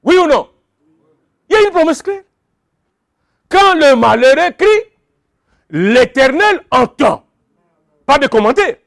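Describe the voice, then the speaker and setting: A man's voice: extremely high pitch, very animated, slow pace, gravelly, long pauses, a bit bright, no echo, studio quality. A man preaching a sermon, emphatic and repetitive, calling out to his congregation. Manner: emphatic, repeats phrases, calls out to the congregation.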